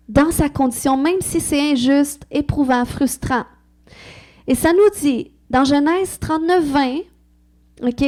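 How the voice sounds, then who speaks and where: A woman's voice: high-pitched, darkish tone. A woman with a Québécois French accent, preaching an earnest, conversational sermon with frequent amens.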